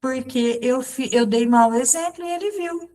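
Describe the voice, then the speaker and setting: A woman in her thirties giving a catechism lesson, explaining slowly and simply with many pauses and everyday examples. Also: high-pitched, a little mellow. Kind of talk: catechism lesson, spoken alongside sign language.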